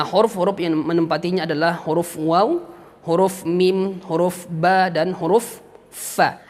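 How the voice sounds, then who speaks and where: A man teaching a tajwid lesson, going through the points one by one and explaining each Arabic term in plain words. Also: a little high. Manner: stretches out letter sounds slowly when demonstrating. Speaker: Quran recitation teacher.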